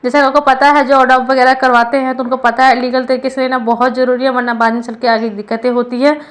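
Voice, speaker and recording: A woman's voice: sits high, little pitch movement, fast. A young woman vlogger talking casually and earnestly about her family, rambling with frequent restarts. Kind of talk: casual personal vlog.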